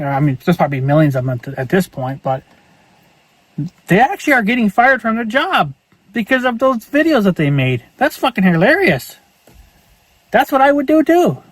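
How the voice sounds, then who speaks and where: A man's voice: sits high, no echo, low-quality recording. A man ranting angrily and profanely in a casual vlog monologue, repeating himself as he goes. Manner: angry, profane, repetitive ranting. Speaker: vlogger.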